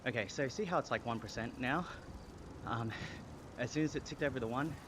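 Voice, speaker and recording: Against a noisy background, this thirtyish Australian man talks a little fast at medium pitch. He's casually chatting on a live stream from his home indoor cycling setup, pedaling a bike trainer and a bit out of breath.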